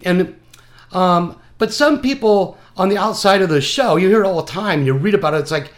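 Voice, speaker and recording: Man, call-in rant, crude, mocking, rambling, high voice. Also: moderate pace. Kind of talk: ranting call-in monologue.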